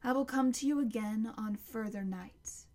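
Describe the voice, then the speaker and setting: A woman's voice: on the high side, darkish tone, natural voice. A woman voicing an ancient, towering tree monster in a storybook, proud and menacing, speaking in a grand, declamatory way. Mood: grave, portentous. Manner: grand, slow, declamatory, building to a roar.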